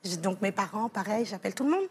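A woman's voice: medium pitch, lively intonation, fast, slight background noise. A woman from France, a talk show guest, telling an emotional personal story, rambling with fillers and restarts. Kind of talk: studio interview, personal story. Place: TV studio set.

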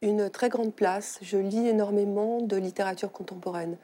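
A middle-aged woman novelist, born in Algeria, speaking thoughtfully on a talk show with many pauses and fillers. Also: mid-range voice, fairly even intonation, warm tone. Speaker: novelist guest. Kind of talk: studio talk show conversation.

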